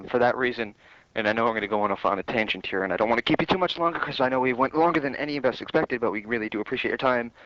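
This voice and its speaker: A man's voice: medium pitch, a bit bright, no room sound. A man hosting a show, interviewing guests in a casual radio style. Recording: muffled lo-fi recording, faint noise.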